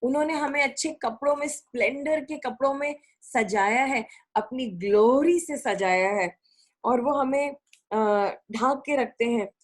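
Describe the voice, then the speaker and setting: A woman's voice: high-pitched, a little slow. A middle-aged woman preaching a sermon in a conversational way, repeating her points for emphasis. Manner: conversational Hindi-English mix, repetitive emphasis.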